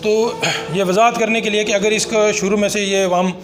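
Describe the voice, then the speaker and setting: A man whose first language is Urdu, teaching English vowel sounds in a phonics lesson and repeating each sound slowly and patiently. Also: high-pitched, little pitch movement, faint music behind.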